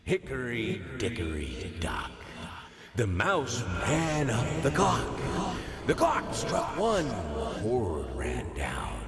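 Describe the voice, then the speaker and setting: A man voicing an eerie figure in a horror game, chanting a nursery rhyme slowly in a sing-song half-whisper. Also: mid-range voice, huge pitch swings. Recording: distant voice over eerie music.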